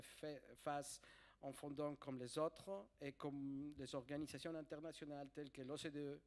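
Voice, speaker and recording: Speaking French with a foreign accent, a non-native man presents a guest to an audience in a live introduction. He hesitates and repeats words as he searches for how to say things. His pitch sits on the high side and his tone is darkish.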